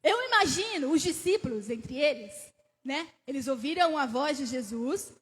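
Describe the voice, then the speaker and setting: Brazilian woman preacher, high voice, gets excited telling the story, long church echo. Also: normal speed. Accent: Brazilian Portuguese. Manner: animated storytelling, rising excitedly, asking the congregation questions; laughs between phrases. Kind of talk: sermon. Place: church sanctuary. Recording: church hall with long reverb.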